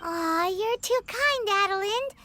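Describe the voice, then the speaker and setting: A woman voicing a tiny, chirpy, childlike female fairy companion in a video game, squeaky, blunt and excitable. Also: takes it slowly, full character voice. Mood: cheerful. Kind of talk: video game character acting. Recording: music under the voice.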